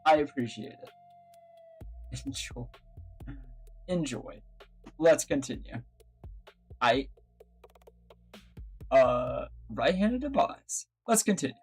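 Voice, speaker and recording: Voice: medium pitch, slow pace, long pauses, soft background music. A livestream radio host chatting casually with viewers, rambling, giggling often and apologizing a lot.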